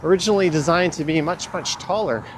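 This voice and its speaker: A man's voice: fairly high pitch, fast. A man, sniffling from the cold, giving casual, opinionated livestream commentary while walking outdoors. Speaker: livestream host. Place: outdoors, walking along a city street in winter. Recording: clear street traffic noise outdoors. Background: traffic and urban street noise.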